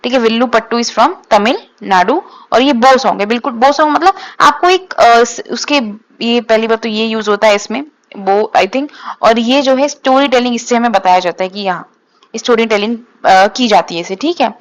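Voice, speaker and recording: A woman with a fairly high voice teaches like an exam coach. She explains each point plainly, repeats the key facts and keeps checking in with her listeners. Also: moderate pace. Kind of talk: explaining lecture in Hinglish.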